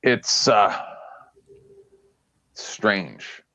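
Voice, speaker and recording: A man's voice: fairly low pitch, animated, very slow, bright, forceful tone, dry recording, poor audio. A sarcastic man hosting a casual political discussion. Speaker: discussion host.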